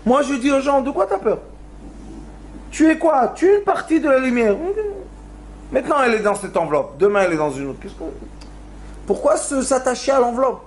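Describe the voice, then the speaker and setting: In a lecture hall, a rabbi teaching a Torah class tells stories and acts out pleas with rising cries, weaving Hebrew words into his talk. His voice is very high, lively and brisk, with frequent pauses and a faint hiss or hum.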